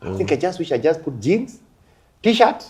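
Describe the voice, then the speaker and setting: A man's voice: fairly high pitch, big pitch swings, normal speed, a little mellow. A man hosting a casual panel chat, telling stories animatedly and laughing often. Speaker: host.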